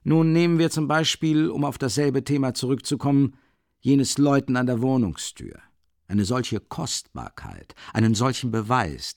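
Man voicing a mocking investigating judge, lively swooping pitch, dry close studio sound. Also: gravelly, no room sound, exaggerated voice. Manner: low, soft, chuckling, insinuating. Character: older male investigating judge, sly and mocking. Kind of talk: audiobook character voice.

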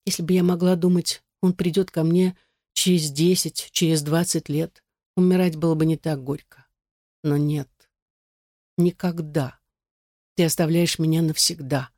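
A man reading the lines of a frail, bitter dying old woman in an audiobook, with a quiet, sorrowful delivery. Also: fairly high pitch, level tone, a little slow, no room sound, clean studio sound. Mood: grieving.

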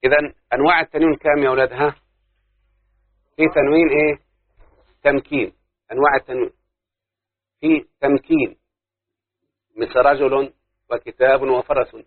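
A man's voice: mid-range voice, steady tone, fairly quick, long pauses. An Egyptian man teaches a grammar class, explaining each point step by step and tossing questions to his students. His voice sits in a middle range, and it comes through a thin, phone-like recording with no room echo at all. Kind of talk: classroom lesson on Arabic grammar. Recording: tinny phone-like dry recording.

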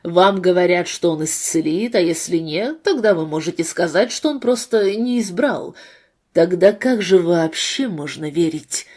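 Woman doing a low, muffled, bitter husband. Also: expressive, unhurried. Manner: bitter, hushed. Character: bitter, wounded grown man, a husband.

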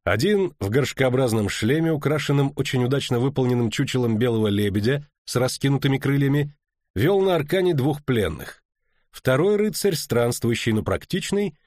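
A man narrates a fantasy audiobook with animated, expressive delivery. His voice rises and falls freely. The recording is dry and close. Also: medium pitch, moderate pace, no echo. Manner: expressive storytelling. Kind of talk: scripted narration.

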